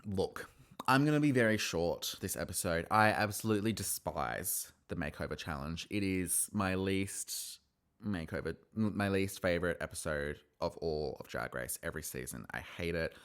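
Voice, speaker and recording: A man hosting a podcast on his own, giving an opinionated, ranting review that gets heated and breaks into mocking high-voiced impressions. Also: a bit bright, smooth. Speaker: podcast host reviewing a reality show. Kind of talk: casual solo review.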